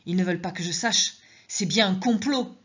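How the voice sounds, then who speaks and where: A woman with a lowish voice reading her own suspense story in the first person. Her narration is measured and tense. The recording is dull and lo-fi. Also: fairly bright tone, slightly rough.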